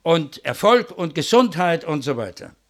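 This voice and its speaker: A man's voice: a little high, big pitch swings, moderate pace, a bit bright. A man preaching a sermon, telling a story in a storytelling way that rises to fervent emphasis, then closing with a prayer.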